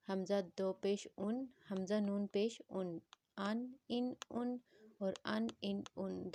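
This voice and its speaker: A woman teaching Quran reading, drilling syllables slowly and patiently, then explaining quickly. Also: mid-range voice, dark tone. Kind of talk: slow drilled recitation lesson.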